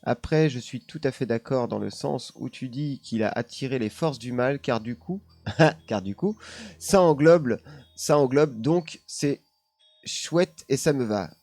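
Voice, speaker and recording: A man's voice: medium pitch, measured pace, darkish tone, no echo, faint music behind. A man streaming live, casually telling a paranormal story while chatting with his viewers, laughing often and leaning on the same filler words.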